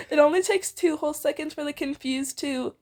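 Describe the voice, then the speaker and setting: A young woman with a high voice reads fan fiction aloud casually at a moderate pace, giggling and often breaking off into banter. She is an amateur fan fiction reader and co-host.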